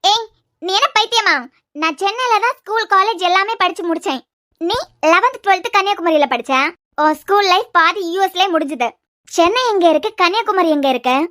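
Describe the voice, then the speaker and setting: A woman voicing a sharp-tongued, defiant young woman in a Tamil cartoon series with a Kanyakumari accent. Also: lively intonation, a little fast. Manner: scolding, high-pitched retorts. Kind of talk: cartoon web series voice acting.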